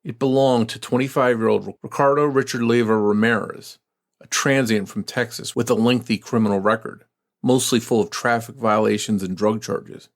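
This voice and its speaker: A man co-hosting a true crime podcast, reading case details and then musing in a halting, measured way. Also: medium pitch, steady tone. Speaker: podcast co-host.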